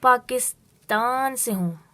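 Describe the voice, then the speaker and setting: Woman, bright voice, fairly high, patient step-by-step language lesson. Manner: explains step by step with slow, drawn-out Spanish examples. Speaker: Spanish teacher.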